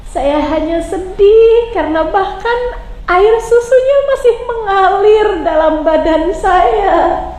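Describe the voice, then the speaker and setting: A woman's voice: very high voice, takes it slowly, a little mellow, heavy reverb, voice pushed up. A woman voicing a grieving young mother who speaks through tears to her husband. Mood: tearful. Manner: tearful, pleading. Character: grieving young mother, tearful devoted wife.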